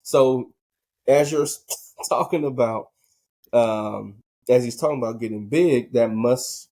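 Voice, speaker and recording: A man's voice: medium pitch, takes it slowly, dark tone. A male podcast host asking rambling questions in casual talk from a bedroom at home. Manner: rambling, asks questions with restarts.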